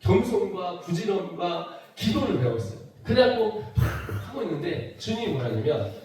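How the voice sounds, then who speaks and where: A man in his fifties from South Chungcheong, preaching a lively testimony sermon and acting out voices. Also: high voice, moderate pace. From South Chungcheong, Korea. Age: 50s. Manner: animated storytelling, acts out voices, laughs often. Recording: echoey hall, far from mic.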